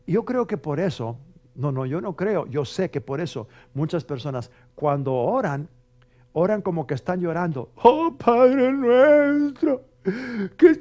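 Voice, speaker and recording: A man preaching a television sermon as a pastor, emphatic and conversational, often checking in with his listeners and acting out prayer styles. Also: fairly high pitch. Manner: emphatic, conversational, with frequent rhetorical tags; mimics dramatic prayer voices loudly for effect.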